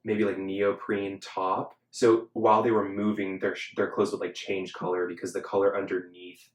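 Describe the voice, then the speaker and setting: A man's voice: sits low, little pitch movement, moderate pace. A young man hosting a podcast, chatting casually and filling his talk with "like". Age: young adult. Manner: filler-heavy, chatty, frequent "like". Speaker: podcast host. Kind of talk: casual chat. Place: Los Angeles. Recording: roomy echo.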